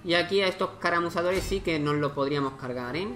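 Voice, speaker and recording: A man's voice: on the high side, fast, music in the background. A man giving casual let's-play commentary, thinking aloud and exclaiming as he plays a strategy game. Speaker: gaming YouTuber.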